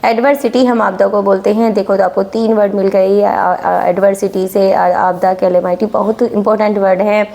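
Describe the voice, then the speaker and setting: A woman's voice: medium pitch, level tone, moderate pace, gravelly, hardly any pauses, mellow. A woman teaching English vocabulary for exam prep, repeating each word and its meaning and often checking in with "okay?".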